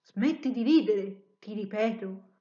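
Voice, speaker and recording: A woman voicing an old male woodcarver, a gruff but tender father, speaking slowly and deliberately in a storybook reading. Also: mid-range voice, expressive, warm tone, reverberant, muffled recording. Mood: threatening.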